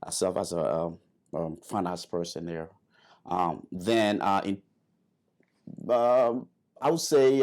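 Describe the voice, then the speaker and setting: A Liberian airman, appearing as a guest, tells his story in an interview, hesitating with many fillers and restarts. His voice is lowish and a little mellow.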